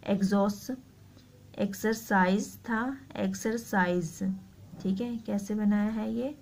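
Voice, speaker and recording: A woman teaching shorthand, explaining slowly and repeating each word as she writes it out. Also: medium pitch, creaky, darkish tone. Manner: slow, repeats words while writing. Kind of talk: explaining a lesson.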